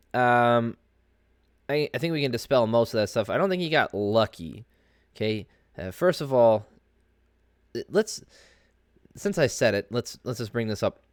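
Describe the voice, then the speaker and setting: Guy with a cold doing casual podcast sports talk, lowish smooth voice, kinda rambly, under the weather. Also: dry recording, studio quality. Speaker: podcast host. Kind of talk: casual solo sports commentary.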